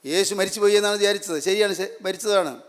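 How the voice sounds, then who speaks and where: A man preaching a sermon, in slow, rhythmic, repetitive refrains. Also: high voice, clear, resonant tone. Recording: long hall reverb.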